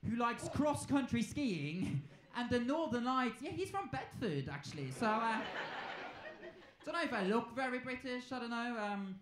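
With an extremely high, slightly bright voice and a sing-song lilt, this twenty-something Norwegian stand-up talks at normal speed. His live comedy-club routine is conversational, full of playfully enacted exchanges, recorded on a handheld mic in an echoey, noisy venue.

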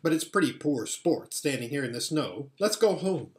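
A man's voice: on the high side, lively intonation, normal speed, lightly acted. Snappish schoolboy in a storybook, done by a man, grasping, defensive, roomy recording. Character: snappish, defensive, greedy young boy. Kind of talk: storybook read-aloud.

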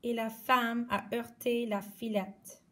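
A woman reading a children's picture book aloud slowly and expressively. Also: on the high side, far from the mic. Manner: slow, clear, expressive read-aloud. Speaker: storyteller.

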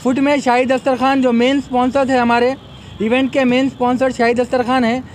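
A man's voice: very high-pitched, level tone, a little fast, a little hiss or hum. A young man, an event organizer giving a promotional press statement into a bank of microphones at an outdoor expo, repeatedly urging customers to come. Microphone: bank of press microphones on a table.

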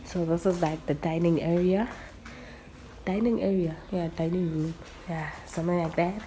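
A young woman from South Africa with a husky morning voice, chatting casually as she gives a room tour. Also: on the low side, steady tone, normal speed, mellow, a little hiss or hum. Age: young adult. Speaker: YouTuber. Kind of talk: casual vlog.

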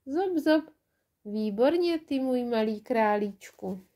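A woman voicing a kind, patient grown-up caretaker who speaks gently and reassuringly, reading a children's storybook. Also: on the high side, animated. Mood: gentle.

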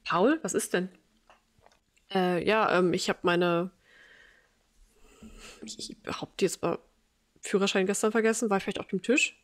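A woman's voice: mid-range voice, steady tone, a little slow, pauses often, close to an everyday voice. Woman reading an apologetic, hesitant young man. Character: young adult man, polite and awkward.

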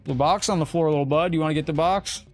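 A man live-streaming a game, chatting casually with viewers and his cat and getting excited during an unboxing. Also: fairly high pitch, quick pace, faint music behind.

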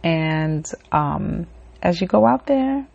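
This podcast host talks in a loose, filler-heavy, rambling way, then leads a short relaxation and affirmation segment. She speaks slowly in a lowish, creaky, darkish voice with lively intonation, and the highs sound cut off.

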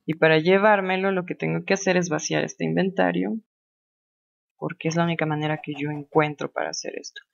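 Low-pitched and creaky, this woman gamer talks briskly with fairly even intonation as she plays a video game. Her casual commentary is full of thinking aloud and frequent laughter, and the home recording sounds dull and lo-fi.

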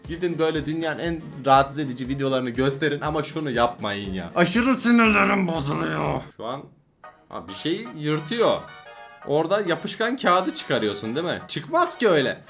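Animated, high-voiced young man reacting. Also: moderate pace, vocal fry, soft background music. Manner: exasperated, animated, laughing complaints. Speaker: YouTuber reacting to videos. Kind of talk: casual reaction commentary.

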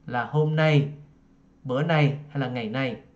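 A man teaching a vocabulary lesson, a native Vietnamese speaker who pronounces each word slowly and carefully and repeats it. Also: mid-range voice. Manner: slow, careful pronunciation drills with repetitions. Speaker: language teacher. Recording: dull lo-fi recording.

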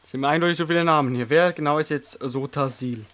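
A man's voice: a little high, quick pace, a bit bright. A man giving casual gameplay commentary as a let's player, flippant and sarcastic.

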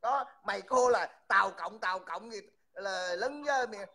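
A man's voice: high voice, normal speed, vocal fry, pushed and bright. A man, hosting a livestream and mockingly insulting someone over and over. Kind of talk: heated livestream taunting.

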